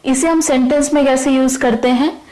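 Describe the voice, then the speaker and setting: A woman teaching English vocabulary in Hindi, reading example sentences slowly and carefully. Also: sits high, steady tone, warm tone, low-quality recording.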